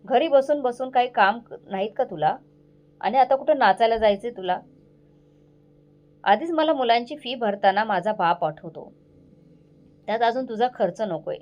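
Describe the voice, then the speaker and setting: A woman's voice: a little high, moderate pace, long pauses, muffled recording, natural voice. A woman voicing a domineering husband who speaks in a raised, contemptuous tone. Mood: scornful. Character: scornful domineering husband, loud and dismissive.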